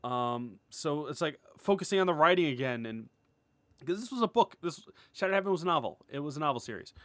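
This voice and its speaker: With a fairly high, expressive and bright voice, this indie animator and series creator rattles off a quick, rambling update to his followers. He's casual, gushing and informal, leaning heavily on "like", recorded without echo.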